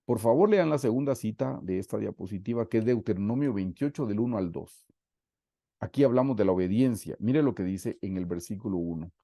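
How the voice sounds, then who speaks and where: Mellow-voiced preacher man. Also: on the low side, expressive, brisk, vocal fry, no echo, studio quality. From Guatemala. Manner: earnest, addresses listeners as brothers, repeats for emphasis. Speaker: preacher and Bible teacher. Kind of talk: online Bible study sermon. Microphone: computer mic on a video call.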